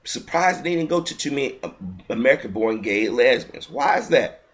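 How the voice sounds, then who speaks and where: In a heated video commentary, a man rants indignantly and repetitively, often restarting sentences mid-thought. His medium-pitched voice is expressive and moves at a moderate pace.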